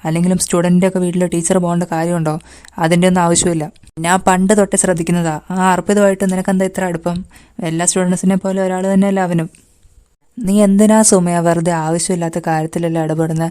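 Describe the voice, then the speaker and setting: ഒരു സ്ത്രീ കാർട്ടൂണിൽ ശാസിക്കുന്ന, അധികാരം കാണിക്കുന്ന ഒരു ഭർത്താവിന് ശബ്ദം നൽകുന്നു; അയാളുടെ സംസാരം നിരാകരിക്കുന്നതാണ്. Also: female voice, fairly low pitch, little pitch movement, fast, mellow, clean tone, natural voice. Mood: scolding. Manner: scolding, dismissive. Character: bossy, scolding husband.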